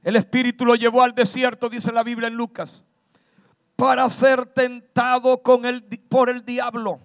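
A man, a pastor, preaching a sermon with shouted peaks and dramatic slowdowns. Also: very high-pitched, level tone, no echo. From Dominican Republic.

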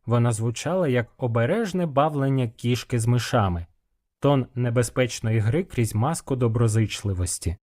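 A man narrating a fantasy audiobook in the first person, with even, measured storytelling. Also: medium pitch.

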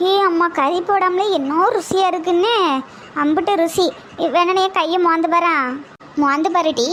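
Woman voicing a bossy elder-sister villager, southern Tamil accent, very high cartoon voice, scolding advice. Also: normal speed, a bit bright, a little hiss or hum. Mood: relishing.

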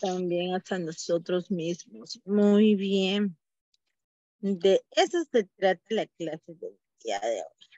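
Slow, measured woman teacher. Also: lowish voice, expressive, a little mellow, no echo. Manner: slow, guiding, asks questions. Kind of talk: online class instruction. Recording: muffled, dry video-call audio.

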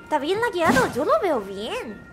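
A woman streaming casually, excitable and quick to shriek when startled, slipping into Japanese and English phrases. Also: very high voice, loud music behind the voice. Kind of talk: casual live-stream chat.

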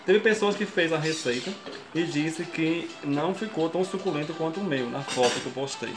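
Speaking with a Brazilian Portuguese accent, this young cooking show host chats his way through a home recipe, addressing his audience as "folks" at every step. His voice runs on the high side at a moderate pace. The indoor kitchen echoes, and music plays behind him.

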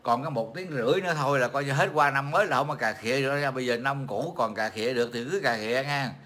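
A middle-aged Vietnamese man hosts a casual livestream chat in a mid-range, fairly bright voice, talking fast. He rambles and mocks, packing his speech with fillers and repeated words.

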